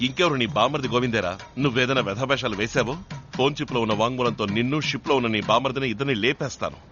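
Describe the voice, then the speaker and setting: A man's voice: mid-range voice, very fast, lightly acted. An actor playing a menacing man who threatens and questions a captive, in a dubbed film drama. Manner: threatening, interrogating. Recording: slightly dull film soundtrack with music.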